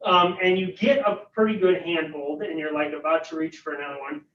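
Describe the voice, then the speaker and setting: A man's voice: fairly high pitch, steady tone, brisk, a bit bright, slight background noise. Man game master, roomy distant sound. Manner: hesitant, with many fillers. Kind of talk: narrating a tabletop game. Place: room at a livestreamed faculty game. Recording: roomy, distant, dull recording.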